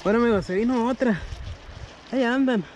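A young man with a Mexican Spanish accent giving casual fishing vlog commentary from a kayak on a river, recorded on a head-mounted camera and getting excited at each catch. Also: very high-pitched, a little fast. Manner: excited, laughing and shouting at catches. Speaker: fishing vlogger. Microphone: head-mounted action camera. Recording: outdoor recording with clear background noise.

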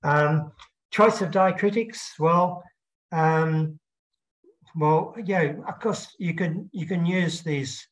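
A man giving a keynote academic lecture as a linguist, explaining his slides step by step and rising in pitch on the points he stresses. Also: slow pace, rough recording. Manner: explanatory, with emphatic rises in pitch.

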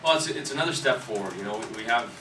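A college hockey coach in his thirties works earnestly through a postgame press conference, talking fast and restarting sentences by repeating words. His low, even voice sounds roomy and distant, picked up by a table mic from about the camera's distance, with loud background noise throughout.

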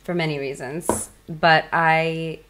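A woman's voice: low voice, steady tone, slow, noisy background. A woman in her thirties, a guest author chatting casually in an interview, talking in a loose, filler-heavy way and laughing often.

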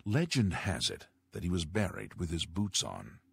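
An actor voicing a mysterious master thief who leads a guild, speaking in measured video game dialogue. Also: male voice, deep voice, very animated, creaky, breathy edge, no echo, exaggerated voice. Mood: secretive.

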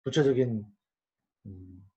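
A man's voice: medium pitch, slow pace. A man in his forties leading a casual Bible study discussion, asking the group questions and acting out quoted parents and children. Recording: dull lo-fi recording.

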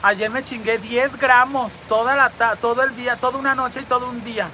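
A woman's voice: fairly high pitch, steady tone, brisk, bright, forceful tone, a little hiss or hum. A woman with a Mexican Spanish accent hosting a live stream, reading viewer comments aloud and answering in a brassy, campy, foul-mouthed way, speaking into a phone outdoors on a city street. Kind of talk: crude live-stream chat.

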